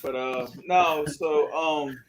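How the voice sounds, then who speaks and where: A man streaming live, chatting in a laid-back, halting way, swearing freely, with many ums. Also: fairly high pitch. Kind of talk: casual chat on a live stream.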